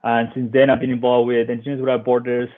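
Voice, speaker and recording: Flat-voiced man on a tinny call line. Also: mid-range voice, fast talker. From Colombia. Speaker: roundtable panelist, bridge engineer. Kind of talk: virtual roundtable introduction. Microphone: computer mic on a video call. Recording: tinny, phone-like call audio.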